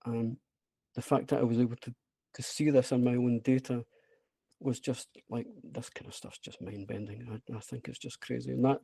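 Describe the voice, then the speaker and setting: A mellow, medium-pitched voice with vocal fry comes from a Scottish man with a broad accent, presenting his app informally on a video call while sharing his screen. He sounds hesitant and self-deprecating yet enthusiastic, with no echo.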